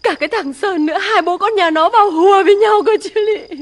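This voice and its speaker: A desperate gambler's wife. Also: female voice, very high voice, brisk. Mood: wailing. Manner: wailing, lamenting. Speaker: wife and mother.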